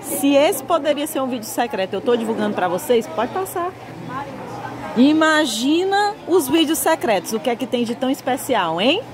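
Crowd noise surrounds a woman whose high-sitting voice swings widely in pitch at normal speed. With her Northeastern Brazilian accent, she presents a shopping vlog from an indoor market lingerie stall, enthusiastically selling and chatting to viewers like friends.

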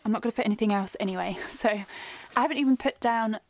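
A woman's voice: medium pitch, fast, dry recording. A middle-aged woman rambling and thinking aloud as she plans, her voice a little worn as it starts to go. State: losing her voice. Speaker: planner vlogger. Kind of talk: chatty plan-with-me narration.

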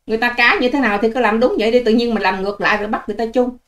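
An older woman rants straight to her viewers, scolding and sarcastic. Her voice sits a little high, and she fires off her words at a rapid clip. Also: fairly even intonation, a bit bright. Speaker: online channel host. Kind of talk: ranting vlog monologue to viewers.

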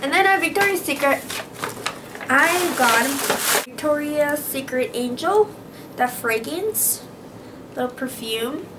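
Heavy background noise surrounds this young woman from Utah, USA, whose high-sitting voice moves at a slow pace with long pauses. She's an excitable, chatty vlogger leaning on "like" and "um," recorded on a handheld camera at arm's length in her car and afterward her bedroom.

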